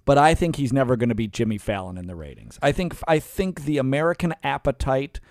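A man's voice: mid-range voice, sing-song, a little fast, a little mellow, no room sound, studio quality. A man hosting an interview, chatty and self-deprecating, often stammering over restarts. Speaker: host. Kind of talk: casual interview chat. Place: Canada.

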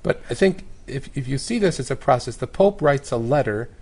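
A man with a hoarse, raspy voice worn out from shouting, explaining things as a priest in a measured way on a discussion panel. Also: medium pitch, expressive. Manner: measured, uses analogies and lists. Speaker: priest, guest commentator.

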